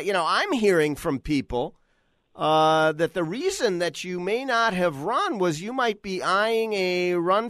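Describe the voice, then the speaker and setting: A man's voice: on the high side, fairly bright tone, no echo. American male talk radio host, dry sound. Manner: halting, repeats phrases for emphasis. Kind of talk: opinionated talk radio interviewing.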